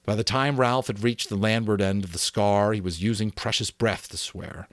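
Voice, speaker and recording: An amateur voice actor reads a novel dramatically in a fairly low voice, with fairly even intonation and a moderate pace, and the recording has no echo. Now and then he trips up, rereads a line, or halts to retake it.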